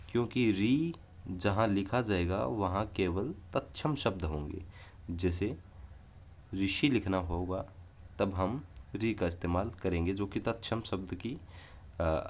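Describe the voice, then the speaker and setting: A man giving a casual online grammar lesson, explaining patiently and pausing on filler sounds, recorded indoors near a railway line. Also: low-pitched, darkish tone. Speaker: Hindi grammar teacher.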